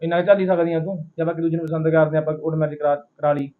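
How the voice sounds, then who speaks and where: A man plays a young husband in a village drama who talks very fast and keeps pleading. His voice sits high for a man. The sound is slightly muffled. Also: steady tone, close to an everyday voice. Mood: soothing. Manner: coaxing, repeats himself, fast talking. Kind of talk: Punjabi short film acting.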